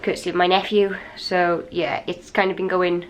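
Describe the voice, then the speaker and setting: Speaking at a normal pace with a flat delivery, a woman with a lowish, slightly raspy voice chats to a handheld camera in a hotel room. Worn out by a cold, she is wheezy and a bit breathless, rambling through a casual, talkative vlog.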